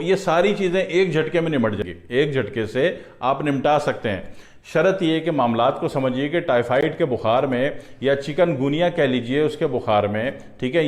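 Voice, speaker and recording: Man, casual remedy talk, repetitive, joking asides, mid-pitched voice, roomy echo. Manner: chatty, repeats phrases, joking asides. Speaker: herbal remedy speaker.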